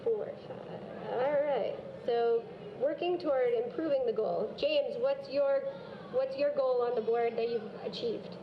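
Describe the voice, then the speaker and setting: A woman from a school program narrating a video and coaching students in an encouraging, gently corrective way. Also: fairly high pitch, measured pace, background noise. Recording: dull lo-fi video audio with music. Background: background music.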